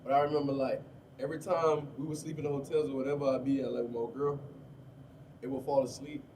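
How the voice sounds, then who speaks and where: A man's voice: medium pitch, level tone, darkish tone. A man of thirty with a Miami accent, talking casually as an interview guest about his life, in loose street slang. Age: 30s. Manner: fast, loose street slang, lots of "you know what I'm saying". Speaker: rapper guest. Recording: distant mic with faint room noise.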